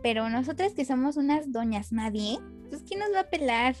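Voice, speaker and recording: A woman's voice: high voice, expressive, normal speed, darkish tone, faint music behind. A young adult woman with a Mexican accent, co-hosting a casual comedic chat with slangy, wry, self-deprecating humor. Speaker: podcast co-host.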